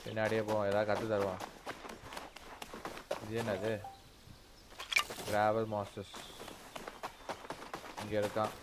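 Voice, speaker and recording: South indian tamil guy doing gameplay commentary, really rapid, flat delivery, noisy recording w game nature sounds. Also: lowish voice. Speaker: gaming streamer. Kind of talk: live gameplay commentary, reading dialogue aloud. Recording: clearly noisy home stream recording.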